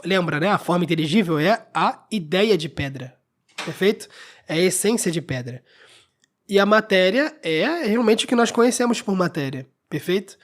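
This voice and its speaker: A man hosting a solo podcast, explaining ideas step by step and often checking that the listener is following. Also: sits high. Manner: explains patiently with frequent checks like "né?" and "tá?". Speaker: podcast host. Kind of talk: solo lecture-style podcast talk.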